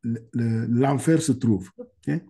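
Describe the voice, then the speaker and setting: A man's voice: mid-range voice, warm tone, husky. Patient man. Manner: patient, explains step by step, checks with frequent "ok?"; slow, drawn-out recitation of Arabic words for repetition. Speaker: Quran reading teacher. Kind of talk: one-on-one lesson over video call. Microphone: video call.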